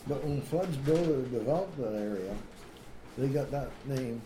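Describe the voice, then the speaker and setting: A man's voice: mid-range voice, lively intonation, normal speed. An older man, reminiscing in a casual, rambling way with many fillers and chuckles. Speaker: local elder recalling old times. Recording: roomy room echo, light noise.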